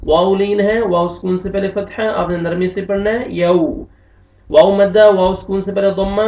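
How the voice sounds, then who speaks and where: A man teaching Quran recitation, slowly spelling out syllables and chanting them, then explaining pronunciation briskly. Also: sits high, creaky. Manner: slow drawn-out recitation alternating with brisk explanations. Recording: tinny phone-like audio, roomy echo, distant from mic.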